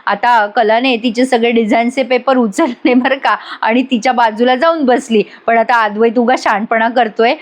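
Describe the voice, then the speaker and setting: A woman's voice: on the high side, fairly even intonation, normal speed, few pauses. A woman giving a chatty voice-over review of a TV serial episode, storytelling and addressing viewers directly.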